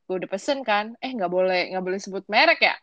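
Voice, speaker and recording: Young woman, podcast co-host, slangy animated storytelling, dull dry recording. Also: medium pitch, no echo. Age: young adult. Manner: animated, slangy, quick bursts of excitement. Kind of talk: casual storytelling chat.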